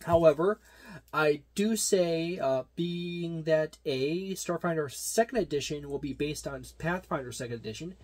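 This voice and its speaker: A tabletop gaming reviewer with a slightly higher than average, somewhat mellow voice gives a casual, unscripted product review. He halts and digresses, stopping and starting as he works through the details.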